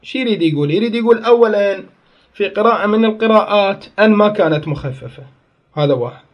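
A man teaches a grammar class in a somewhat high voice. He asks his own questions and answers them, working through each point in order. He often tells his students to take note and write it down. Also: expressive, quick pace, highs cut off. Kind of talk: Arabic grammar lesson.

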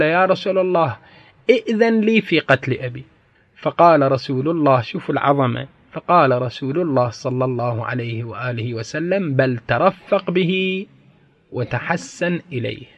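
A man's voice: a little high, a bit bright, no echo. A man giving a classroom lecture as a religious teacher, repeating key phrases for emphasis and turning to his listeners directly. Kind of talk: classroom lecture on grammar and hadith. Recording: dull lo-fi recording.

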